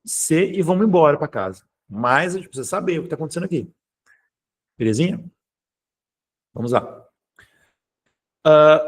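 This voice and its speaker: Informal Brazilian teacher, higher voice. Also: male voice. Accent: Brazilian Portuguese. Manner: explanatory, keeps checking in with "tá?" and "beleza?"; informal, occasionally swears. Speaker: Portuguese teacher. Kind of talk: online live class.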